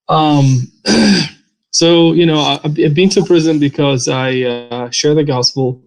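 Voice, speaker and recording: Over a rough recording, a medium-pitched male voice delivers an earnest testimony about his own life during an interview. He is from Saudi Arabia, speaks with a Saudi Arabian accent, has Arabic as his first language, and halts frequently with "uh."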